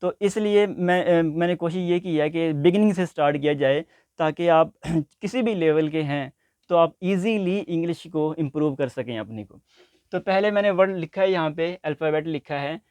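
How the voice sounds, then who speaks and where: A man teaching a basic English lesson, speaking slowly and repeating example words. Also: on the high side, darkish tone, smooth, no echo. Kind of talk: spoken language lesson.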